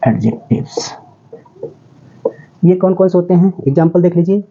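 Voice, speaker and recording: A man's voice: high-pitched, flat delivery, fast talker, mellow, dull audio. A man teaching English grammar step by step, often asking his students if they follow and calling them "beta". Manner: explains step by step, often checks with "ठीक है?". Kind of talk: classroom lesson.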